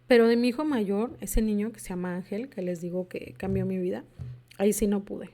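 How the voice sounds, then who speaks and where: A woman's voice: mid-range voice, fairly even intonation, a little fast, warm tone. A woman, telling her personal story to an audience in a confessional manner and acting out remembered conversations. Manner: confessional, acts out remembered dialogue. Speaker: workshop speaker sharing her story.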